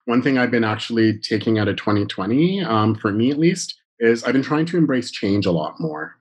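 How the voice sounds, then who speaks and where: A man's voice: mid-range voice, lively intonation, fairly quick, slightly rough. A man from Canada, talking through his life as a podcast guest in a reflective, chatty way, often correcting himself mid-sentence. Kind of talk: relaxed conversational interview.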